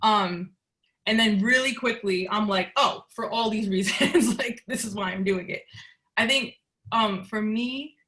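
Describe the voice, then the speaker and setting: Young woman panelist, bright, candid and chatty. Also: mid-range voice, unhurried. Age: young adult. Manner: candid and chatty, laughing easily. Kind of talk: roundtable discussion.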